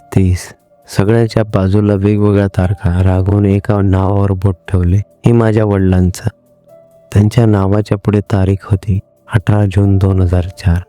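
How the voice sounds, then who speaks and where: A man telling a horror story in a measured, suspenseful way. His voice is low and very dark, and faint music plays underneath. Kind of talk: scripted horror narration.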